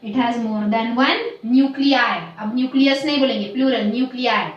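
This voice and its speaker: High-voiced woman teacher in an echoey room. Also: steady tone, far from the mic, highs cut off. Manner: slow, deliberate stressing of key terms, quizzing students. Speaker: biology teacher. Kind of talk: classroom lecture mixing Hindi and English.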